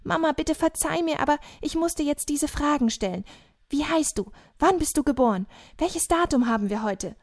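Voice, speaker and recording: A woman's voice: high voice, lively intonation, moderate pace, voice pushed up. A woman reading an audiobook, voicing a grown son who speaks urgently and anxiously. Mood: pleading. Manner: urgent, pleading.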